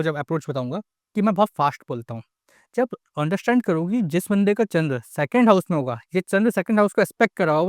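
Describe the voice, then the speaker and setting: A man's voice: on the high side, no echo, studio quality. A young Indian man giving a casual astrology lecture, mixing English into his speech and asking rhetorical questions. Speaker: astrology teacher.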